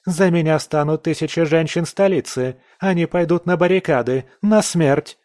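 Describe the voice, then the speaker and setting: Voicing a provocative, defiant young female journalist in an audiobook, this man sounds haughty and sharp-tongued, taunting as he goes. His voice sits a little high, pushed up but near his everyday tone, at a moderate pace. Clean studio sound, with no room sound.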